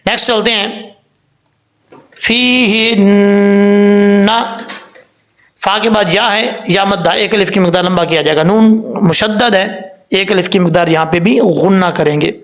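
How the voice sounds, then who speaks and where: A man's voice: sits high, moderate pace, hardly any pauses. A middle-aged man teaching Quran recitation step by step. He explains each sound and corrects mistakes, repeating the right pronunciation several times.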